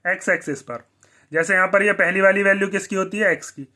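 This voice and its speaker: High, bright-voiced male maths teacher. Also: steady tone, fast. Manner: asks the class questions and answers them himself. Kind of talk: blackboard maths lesson.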